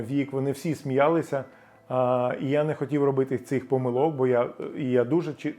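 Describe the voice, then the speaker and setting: A middle-aged Ukrainian-speaking man teaching English pronunciation, slowly modelling English words with emphatic stress. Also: mid-range voice, mellow. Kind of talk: explanatory video lesson.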